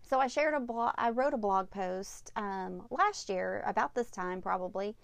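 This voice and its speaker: A woman's voice: medium pitch, measured pace, vocal fry, no echo. A woman hosting a casual solo advice podcast, giving upbeat, tidy step-by-step tips like a vlogger. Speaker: podcast host.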